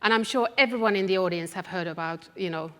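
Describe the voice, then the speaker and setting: Speaking live in an event hall, a woman from Finland, an academic researcher, delivers a careful talk in her Finnish accent, emphasizing important phrases and speaking straight to her audience. Her voice is mid-range and fairly bright, and the long reverb of the echoey room is audible.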